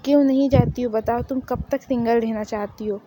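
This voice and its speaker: Lady playing a nagging middle-aged mom, pushy and coaxing, soft dark tone. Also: on the high side, steady tone, a little fast, a little hiss or hum, close to an everyday voice, rough recording.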